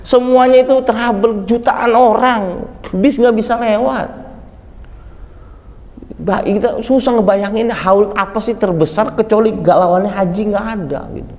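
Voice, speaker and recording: A man preaching a mosque sermon, telling lively stories and acting out the people he quotes. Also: sits high, unhurried. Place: mosque hall. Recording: reverberant mosque hall, faint background noise.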